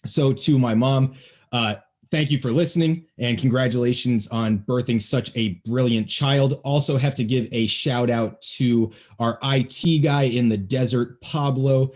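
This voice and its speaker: A man's voice: medium pitch, measured pace, a little mellow. Chatty young man hosting a podcast. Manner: friendly, chatty and joking. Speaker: podcast host. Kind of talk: casual sports podcast chat. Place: home, near Baltimore. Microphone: home podcast microphone.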